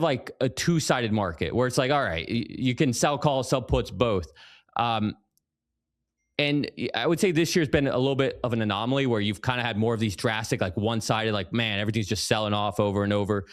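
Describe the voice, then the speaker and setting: A man hosting an interview over a video call, asking long questions with many restarts. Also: mid-range voice. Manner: hesitant, restarts, laughs easily. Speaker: interviewer, podcast host.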